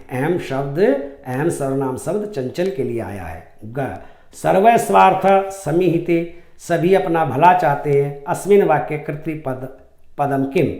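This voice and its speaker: A male Sanskrit teacher, reading each line out and then translating it for his pupils. His voice sits a little high, and he talks slowly and deliberately. The room behind him rings with echo. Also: a little mellow. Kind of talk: classroom lesson explaining a Sanskrit text.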